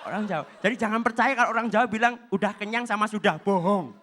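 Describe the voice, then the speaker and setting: A man performs a stand-up comedy set in a fairly high voice. He is animated and slips into brief voices to act out everyday exchanges. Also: fast talker, a little hiss or hum. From Java, Indonesia. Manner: animated, acts out short quoted exchanges in other voices.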